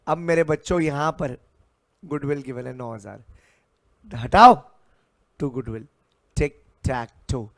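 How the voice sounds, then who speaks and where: A man's voice: mid-range voice, slow pace, vocal fry, long pauses, fairly bright tone. A man teaching an accounting lecture, mixing Hindi and English, drawing out and repeating key terms to drill his students. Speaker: commerce teacher.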